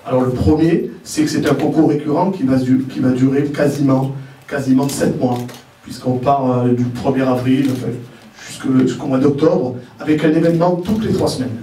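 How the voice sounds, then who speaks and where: The president of a model contest, a man of Algerian family origin, gives an informal spoken presentation to the press. His mellow, mid-range voice is halting, and he repeats words as he explains. A distant mic picks up roomy echo and faint noise.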